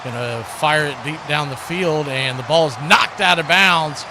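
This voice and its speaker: A man's somewhat high voice, running a little slow, handles live American football play-by-play on a noisy stream. He keeps things clipped and short, raising his voice for the big plays.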